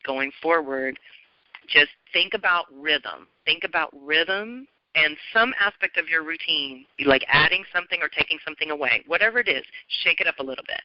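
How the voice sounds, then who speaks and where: A woman's voice: sits low, moderate pace, no echo, dull audio. A woman astrologer giving an earnest, encouraging spoken forecast, often repeating her phrases.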